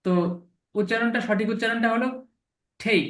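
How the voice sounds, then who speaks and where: A man with a fairly high voice teaches a class, saying each English word and its meaning again and again in a patient drilling rhythm. The sound carries a noticeable room echo. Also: moderate pace, a bit bright, slight background noise. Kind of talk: classroom lesson with repetition drills.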